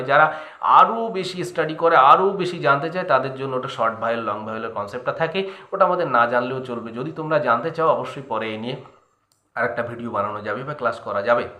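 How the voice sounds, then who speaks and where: A man's voice: mid-range voice, sharp tone. Bengali-accented man teaching in an echoey room. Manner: asks the students questions and answers them himself. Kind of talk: grammar lesson.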